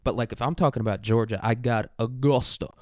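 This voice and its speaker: A young American man hosts a solo podcast, rambling casually and comedically in a crude, irreverent way and often chuckling. His medium-pitched voice is brisk, recorded in studio quality with no echo.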